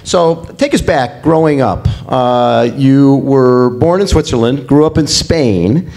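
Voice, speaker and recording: A male interviewer with a gravelly, creaky voice at a middle pitch. He steers the chat with friendly prompts and quick follow-ups, sometimes rushing through a long question. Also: darkish tone.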